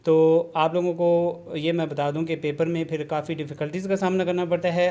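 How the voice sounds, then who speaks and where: A man's voice: on the high side, mellow. Man teaching a shorthand lesson. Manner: explanatory, repeats "theek hai ji", mixes English terms into Urdu. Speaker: shorthand instructor. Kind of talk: classroom-style video lesson.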